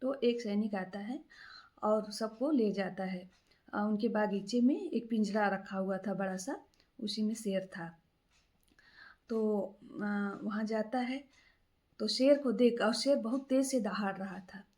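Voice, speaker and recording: A woman's voice: mid-range voice, slow, a little mellow. A woman casually telling a moral story aloud, unscripted, with frequent fillers and restarts.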